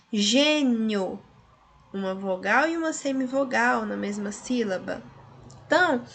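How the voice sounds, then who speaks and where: Woman, Brazilian Portuguese accent, teacher, recorded lesson, slightly high voice, slow deliberate pace, frequent tag questions. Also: a bit bright.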